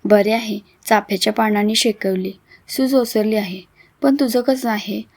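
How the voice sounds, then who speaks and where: Woman doing a caring village friend, reassuring, gently scolding, storybook reading. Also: mid-range voice, steady tone, moderate pace, lightly acted. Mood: comforting.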